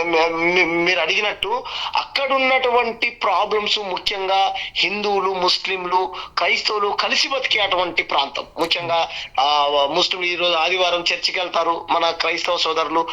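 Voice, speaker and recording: A man's voice: high-pitched, steady tone, normal speed, pushed and bright, rough recording. A man with a Telangana Telugu accent giving an emphatic political campaign speech in an interview, building points through repeated lists. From village in Telangana, India. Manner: emphatic, repetitive, list-building oratory. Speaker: election candidate giving an interview.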